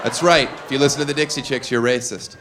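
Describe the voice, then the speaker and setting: Deadpan stand-up comic in a noisy club. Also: male voice, mid-range voice, rapid-fire, crowd noise. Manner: deadpan one-liners with sudden loud bursts. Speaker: stand-up comedian. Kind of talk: stand-up comedy set. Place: comedy club stage. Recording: live club with audience noise.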